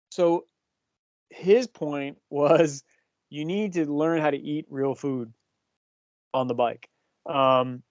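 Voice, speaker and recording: A man's voice: mid-range voice, clean tone, no echo, highs cut off. A man in his fifties, a cycling coach chatting and explaining things to his team, often asking them questions. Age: 50s. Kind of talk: casual team talk.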